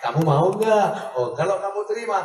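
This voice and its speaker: A man with a fairly high voice preaches a humorous sermon and keeps throwing questions at his listeners. His voice is picked up from some distance in an echoey hall. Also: expressive, normal speed, darkish tone, slight background noise. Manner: jokey, asks the crowd questions. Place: large hall at a religious gathering.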